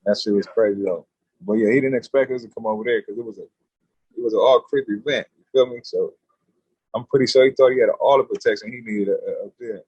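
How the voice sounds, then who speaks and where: A man telling a story as a podcast guest in casual street slang, animated and blunt. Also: on the low side, a little fast, husky, no echo, muffled recording. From California.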